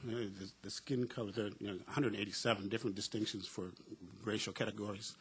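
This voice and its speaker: A middle-aged American man, a professor on a panel, speaks fast in a lowish voice with a steady tone. He tells reflective personal stories with wry humor, often filling pauses with "uh" and "um."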